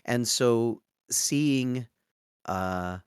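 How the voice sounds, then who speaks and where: A man's voice: mid-range voice, extremely slow, clean tone, dry recording, clean studio sound. A man co-hosting a casual book-discussion podcast who speaks thoughtfully and searches for his words. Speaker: podcast co-host.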